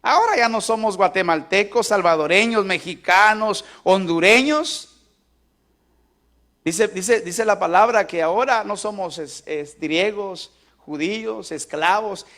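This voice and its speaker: A man's voice: high voice, unhurried, a bit bright. A man preaching a sermon as pastor, emphatic, asking the congregation to repeat lines aloud with him. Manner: emphatic call-and-response preaching.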